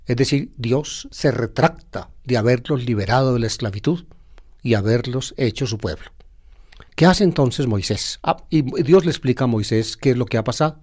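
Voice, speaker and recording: A man's voice: mid-range voice, expressive, normal speed, darkish tone. A man teaching on the radio about a Bible passage, explaining unhurriedly and repeating key phrases, with frequent fillers.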